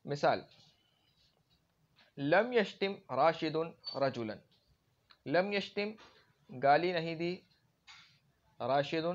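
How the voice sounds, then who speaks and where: Fairly high-voiced male grammar teacher, muffled. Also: a bit bright. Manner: explains with everyday examples and frequent check-ins. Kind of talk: classroom grammar lecture. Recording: dull lo-fi recording.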